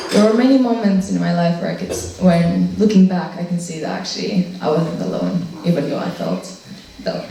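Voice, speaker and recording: A woman's voice: on the low side, creaky, warm tone. A woman in her twenties from Romania, giving a personal testimony to a room with many ums and restarts. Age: 20s. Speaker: church volunteer giving a testimony. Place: room with a live audience. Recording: very echoey room, from a distance, faint noise.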